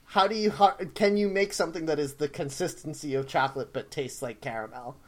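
A man's voice: fairly high pitch, brisk, a bit bright. A man bantering casually with friends as a co-host, emphatic and given to mock indignation.

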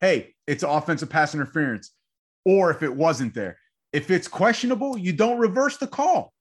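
A man's voice: fairly high pitch, animated, normal speed, husky. A man co-hosting a sports podcast, debating in a fired-up, rambling way and repeating himself as he talks. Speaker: podcast co-host.

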